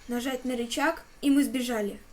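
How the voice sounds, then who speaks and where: Her high voice is a little mellow, with fairly even intonation at a normal speed. Hosting a gaming video, she offers casual horror game commentary, thinking out loud and muttering over a clearly noisy track with game ambience.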